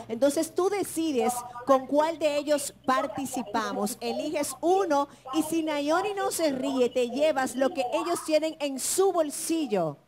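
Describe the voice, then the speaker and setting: A Dominican woman co-hosting a TV game show, explaining the rules briskly. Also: high voice.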